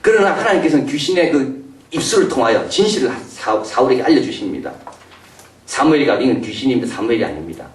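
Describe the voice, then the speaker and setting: A male pastor delivers a sermon, his pitch rising and falling as he acts out the people in his story. The sound is roomy and distant, as if picked up by a mic some way from the pulpit in a church sanctuary. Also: fast. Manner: animated, acts out voices of biblical figures and parents.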